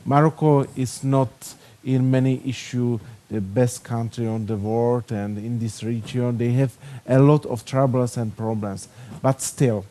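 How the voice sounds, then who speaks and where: A Czech man on a conference panel speaks with a dark-toned, mid-range voice and fairly even intonation. His non-native English is halting, Czech-accented, and packed with fillers.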